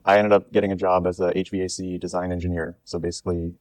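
A man in his thirties from the area around Washington DC answers interview questions quickly in a deep, fairly flat voice. He explains things easily, restarting a word now and then. The sound is dry and close. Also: dry recording. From United States, near Washington DC. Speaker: startup co-founder and CEO. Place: exhibition space.

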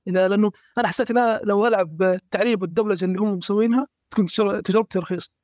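A man's voice: high-pitched, fairly even intonation, rapid-fire, darkish tone, no room sound. A man in a casual gaming discussion, blunt and emphatic as he complains.

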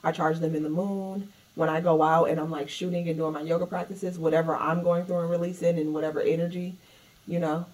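Low-voiced woman, slightly off-mic. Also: brisk, distant mic, low-quality recording. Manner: loose, expressive talk with casual swearing. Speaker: yoga instructor. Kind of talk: casual podcast chat.

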